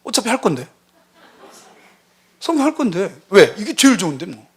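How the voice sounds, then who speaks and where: A man in his forties, a missionary preaching a lively sermon in a church, telling stories and acting out the voices in them. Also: sits high, moderate pace, husky. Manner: animated storytelling, acting out quoted voices.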